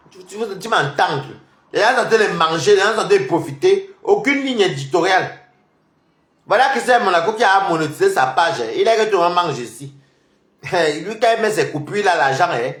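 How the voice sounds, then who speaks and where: A man with a fairly high voice rants at his online rivals, taunting and mocking them in repeated jabs. He swings between loud outbursts and low, muttered asides. The recording sits in an echoey room. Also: expressive, fairly quick. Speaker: social media commentator. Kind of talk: confrontational online rant.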